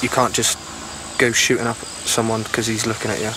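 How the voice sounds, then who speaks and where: A man's voice: lowish voice, level tone, fairly quick. A British man, a marine, chatting casually in an outdoor interview in an understated, slangy way. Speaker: marine on sentry duty. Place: outdoors at a sentry post. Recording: loud outdoor background noise.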